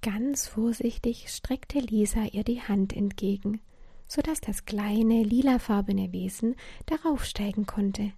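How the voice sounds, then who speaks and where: A woman reading a bedtime story, softly and often half-whispered. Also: mid-range voice, measured pace, husky, no echo, clean studio sound.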